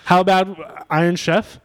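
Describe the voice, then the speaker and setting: A man's voice: high voice, no room sound. A man co-hosting a casual podcast chat, laughing often and swearing freely. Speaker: podcast co-host.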